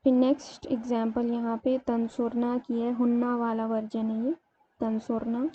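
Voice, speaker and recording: Brief: woman teacher, patient step-by-step explainer, higher voice, narrow flat intonation, dull lo-fi recording. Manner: explains step by step, slows to spell out words. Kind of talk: grammar lesson. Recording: dull lo-fi sound, faint room noise.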